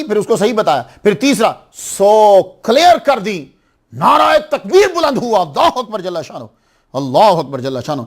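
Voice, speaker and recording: A man preaching a sermon, passionate, asking his listeners questions and rising to loud exclaims. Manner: impassioned, rising to high exclaims, addresses audience with questions. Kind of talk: Urdu religious sermon.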